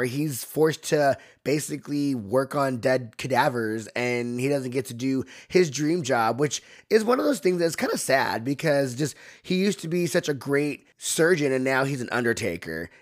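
A man with an expressive voice hosts a podcast, recapping a film at a moderate pace with hardly any pauses. He's casual and campy, full of "like," and performs characters' lines in raised voices.

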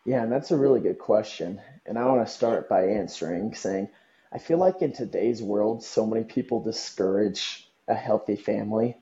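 A young man from Southern California speaks earnestly as a podcast guest, pausing on ums as he reflects. His voice is very dark and mellow. The recording sounds dull and lo-fi. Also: on the low side. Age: young adult. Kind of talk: podcast interview. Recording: dull lo-fi audio.

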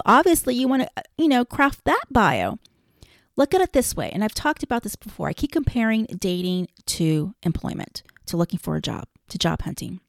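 A woman's voice: mid-range voice, dry recording, studio quality. Blunt, profane woman podcast host. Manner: direct address to listeners. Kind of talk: casual advice podcast.

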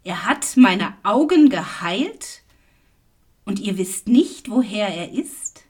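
A woman voicing a man born blind and now healed, read slowly in a Bible reading. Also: medium pitch, animated, darkish tone, breathy edge, pitched below the performer's own voice. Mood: earnest. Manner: slow, plain reading voice.

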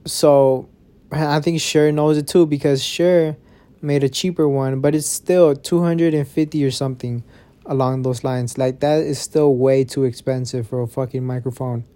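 Under a blanket with his phone, a podcast host records a casual solo episode, rambling in frustration and swearing often, so the sound comes out muffled. His mid-range voice is warm and steady, moving at a normal speed.

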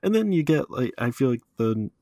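A man's voice: medium pitch, very animated, fairly quick, warm tone, no room sound. A man co-hosting a podcast, chatting casually and teasing his co-host with dry humour. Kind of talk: casual chat about an anime.

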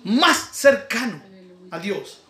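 A man preaching a sermon to his congregation, emphatic, with sudden shouts and slow repeated lines. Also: high voice, sing-song, echoey room. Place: church.

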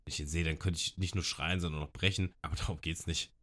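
A man's voice: low-pitched, fast talker. A man on a podcast, casually retelling an anime episode and acting out the characters' lines. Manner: lively retelling, acting out quotes with shouts.

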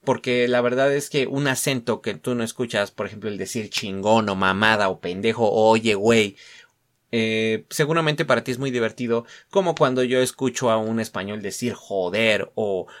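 A man's voice: lowish voice, fairly even intonation, normal speed. A young man with a Mexican accent hosting a casual solo podcast, rambling and slangy, full of fillers and self-mocking asides. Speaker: podcast host.

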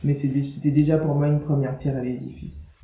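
Speaking briskly in a low, dark, flat voice, this young Guadeloupean woman is an author and media founder being interviewed as a guest. She chats informally, often restarting and using fillers. The recording has a roomy feel and faint background noise.

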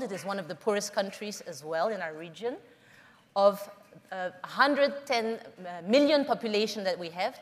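Earnest woman speaking in a reverberant hall. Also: medium pitch. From Philippines. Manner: earnest, measured, personal storytelling. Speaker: conference speaker. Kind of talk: prepared public talk.

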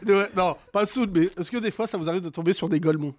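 A man's voice: high-pitched, fast, a little mellow. A man hosting a comedy podcast, teasing his guests and laughing often. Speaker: podcast host. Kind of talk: casual comedic chat.

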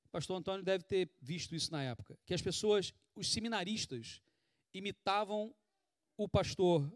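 A Brazilian-accented man preaches a sermon with a conversational, animated delivery, throwing out rhetorical questions as he goes. His voice sits high for a man and is recorded dry and close, with no room sound. He is sweating as he talks. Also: moderate pace, no echo. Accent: Brazilian Portuguese. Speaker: pastor.

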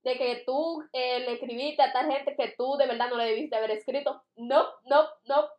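A young adult woman in casual chat, animated and laughing as she acts out quotes. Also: high-pitched, normal speed, reverberant.

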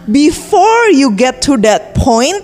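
A woman's voice: sits high, sing-song, slow pace, a little mellow, faint music behind. A woman co-hosts a podcast, drawing out her partner with questions and mixing English phrases into her speech. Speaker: podcast co-host. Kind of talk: casual conversational interviewing.

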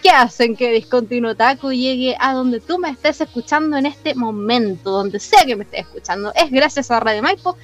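High-pitched, playful Chilean woman radio host. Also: normal speed, few pauses, dull audio. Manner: playful, exclamatory, addresses listeners directly. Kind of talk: casual, chatty radio show presenting. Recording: music bed under the voice. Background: music.

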